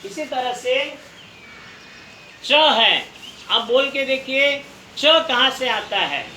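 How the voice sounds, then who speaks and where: A man teaches a lesson at an unhurried pace, repeating each syllable so listeners can copy it. His voice is bright and clear. The room around him is echoey, with a faint hum of background noise. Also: extremely high pitch, animated. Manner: patient, repeats each sound slowly for the listener to try. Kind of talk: recorded language lesson.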